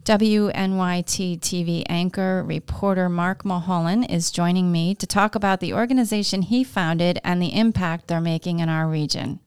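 A woman's voice: on the low side, normal speed, hardly any pauses, a little mellow, clear, resonant tone, no room sound, clean studio sound. A middle-aged woman hosting a podcast, upbeat and friendly, opening the show and interviewing a guest. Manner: upbeat, friendly, with brief verbal restarts. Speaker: podcast host. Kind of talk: casual interview.

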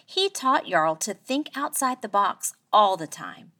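A woman podcast host giving a scripted narration with an upbeat, expressive delivery. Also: medium pitch, measured pace. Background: soft guitar music.

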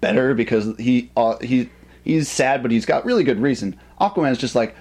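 A man's voice: medium pitch, moderate pace, darkish tone. A man co-hosting a podcast in casual banter, hedging and thinking aloud as he goes. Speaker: podcast co-host.

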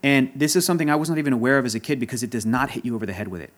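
A man's voice: medium pitch, rapid-fire. A man in casual chat as a podcast guest, talking in a passionate, rambling and emotional way. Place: Los Angeles area.

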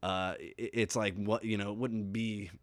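A man's voice: fairly low pitch, steady tone, unhurried, no room sound. A man from the Cincinnati area, a podcast guest chatting casually and laughing often as he tells stories. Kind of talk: casual chat.

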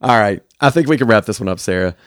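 A man's voice: fairly low pitch, expressive, quick pace, a bit bright, a little hiss or hum. A man with a Southern US accent, co-hosting a podcast in a candid, easygoing way. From United States. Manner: candid, easygoing, with frequent restarts. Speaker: podcast co-host. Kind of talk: casual podcast chat.

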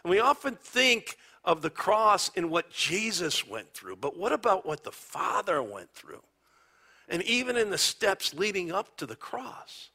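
A man preaching a conversational sermon as a pastor, telling stories and often dropping to a hushed near-whisper. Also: high-pitched, very animated, measured pace, vocal fry.

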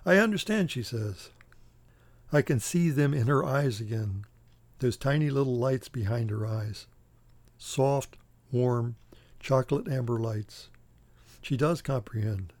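A man's voice: mid-range voice, slow, pauses often, darkish tone, dry recording. A man performing a one-man stage play, telling it in a wry, theatrical first-person monologue.

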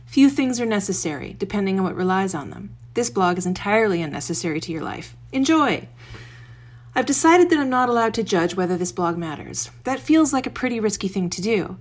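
A woman's voice: mid-range voice, lively intonation, fairly quick. A woman blogger with a wry, self-deprecating manner, speaking her own blog post as a homemade audio recording under a blanket in her bedroom. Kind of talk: reading own blog post aloud, then informal remarks.

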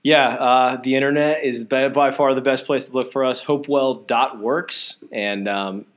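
A man appearing as a podcast guest, speaking in a relaxed, friendly way with frequent fillers in a coworking space. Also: mid-range voice, normal speed. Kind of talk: casual interview.

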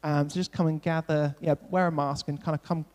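A man's voice: fairly high pitch, level tone, a little fast, a little mellow. Upbeat man on stage in a reverberant church. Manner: upbeat, loose, repeats "brilliant" and "yeah". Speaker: church leader hosting an on-stage welcome. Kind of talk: casual stage interview and spoken prayer. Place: church hall with long reverb.

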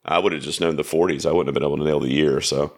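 A man's voice: very deep voice, fairly even intonation, rapid-fire. A man hosting his own podcast, chatting casually and easily about movies with a co-host. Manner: easygoing, loose, chatty. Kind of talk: casual chat.

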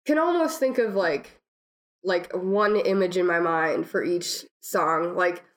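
A young adult woman with a cold, her voice deeper and chesty, chatting casually and informally about music. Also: slow pace. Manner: frequent "like", informal. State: has a cold, tickly throat, coughing.

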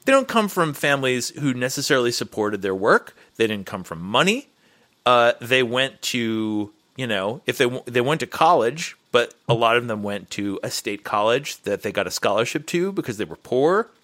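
Animated man talking in casual conversation. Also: medium pitch, moderate pace. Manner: animated, rambling, many restarts. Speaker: podcast co-host and writing teacher.

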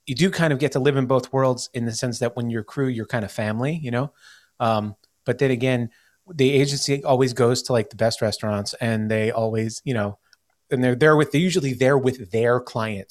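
An American man hosting a podcast in casual chat, rambling with many fillers and restarts. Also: medium pitch. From United States. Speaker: podcast host.

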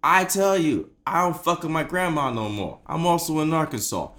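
A drunk man voicing a loud, brash Italian-American shopkeeper, shouting and repeating himself. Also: mid-range voice, huge pitch swings, normal speed. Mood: boisterous. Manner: shouting, repetitive, goofy.

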